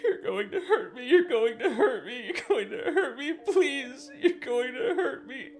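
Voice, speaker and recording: Man acting out a high, sobbing, terrified double. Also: lively intonation, measured pace, creaky, darkish tone, soft background music, heavily acted. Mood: hysterical sobbing. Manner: repetitive, panicked pleading. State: crying. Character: sobbing, terrified doppelganger of a man, pleading pitifully.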